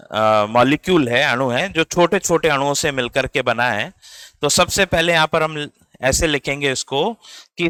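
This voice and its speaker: Slow, bright-voiced man teaching. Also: on the high side, clear, resonant tone, no room sound. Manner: explains step by step, checks in with "ठीक है" and questions to the class; spells out words letter by letter. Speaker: biology teacher. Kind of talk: classroom lecture.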